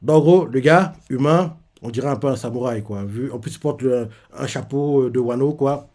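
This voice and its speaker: A man hosting a live reaction to a manga chapter, retelling it in an animated way with lots of fillers. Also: mid-range voice, moderate pace.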